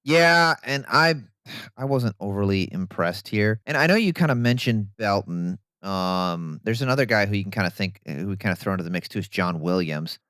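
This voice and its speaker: A man co-hosting a casual sports podcast, opinionated and animated, breaking down football players with the odd bit of sarcasm. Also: lowish voice, normal speed, clear, resonant tone, no echo. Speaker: podcast co-host.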